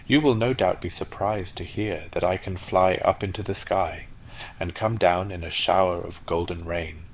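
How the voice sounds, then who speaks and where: A man's voice: sits low, steady tone, moderate pace, a little hiss or hum. A man voicing a conceited male firework rocket who talks in a haughty, lecturing way. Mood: pompous. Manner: haughty, self-important, lecturing.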